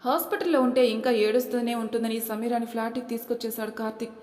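A woman narrating a family story in a steady storytelling voice. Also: fairly high pitch, quick pace. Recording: echoey room with long reverb.

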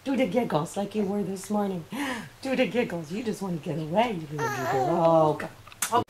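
An older woman plays with her baby grandchild in a home bedroom, cooing and chanting sing-song baby talk in a medium-pitched, lively, brisk voice. Someone else holds the handheld home camera, and a crowd can be heard in the background.

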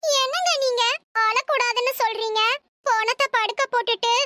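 A woman plays a sly young cartoon wife with a very high, piercing voice and a bright, sharp edge. She wails and whines in an over-the-top, dramatic way. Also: normal speed, slight background noise. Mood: whiny. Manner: whiny, dramatic wailing. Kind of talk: comic cartoon dub.

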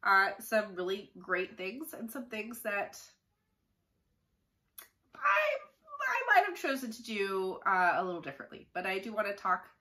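In a small furnished room, a middle-aged woman who reviews books hosts an unboxing, talking to camera in a casual, opinionated way. The flu has left her voice nasal and congested. She speaks a little slowly in a mid-range voice that is bright and forceful, with huge swings in pitch.

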